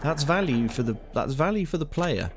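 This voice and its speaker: Very animated and a bit high-pitched, a man streams a mystery game at a moderate pace against a noisy background. He chats casually with his viewers, offering gameplay commentary full of self-deprecating jokes.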